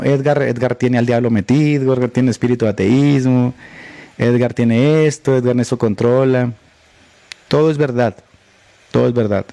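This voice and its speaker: A man's voice: mid-range voice, dark tone, no room sound. A man hosting a livestream podcast, talking bluntly and sarcastically and aiming his lines at one critic. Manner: repeatedly addresses a critic by name. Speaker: podcast host. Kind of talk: livestream monologue.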